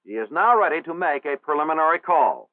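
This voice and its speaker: A fairly high male voice reads training film narration from a script, formal and measured, with an expressive delivery. The audio is dry and echo-free, coming through the thin, tinny soundtrack of a 1960s film.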